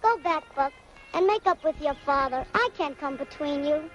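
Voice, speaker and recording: Gentle young sweetheart, pleading 1930s western delivery, dull soundtrack with music. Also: female voice, sits high, animated, normal speed. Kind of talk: 1930s western film acting. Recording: muffled old 1930s film soundtrack, music behind.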